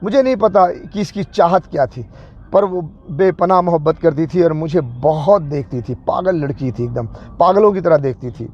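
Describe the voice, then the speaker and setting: A man telling a personal story from his school days in an unhurried, reminiscing way. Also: on the high side. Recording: dull lo-fi recording.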